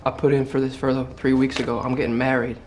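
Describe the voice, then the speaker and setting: An actor playing a gentle but stubborn young army recruit in a war film, polite and hesitant. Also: male voice, mid-range voice, little pitch movement, fast, lightly acted. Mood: firm. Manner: polite, plain-spoken, hesitant. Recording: film audio with faint ambient noise.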